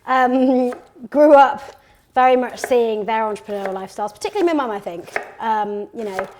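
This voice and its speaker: A woman's voice: on the high side, fairly even intonation, fairly quick, a little mellow, slight background noise. A woman from Birmingham in her thirties, a company founder chatting casually while cooking in a home kitchen, full of fillers and restarts. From England (Birmingham).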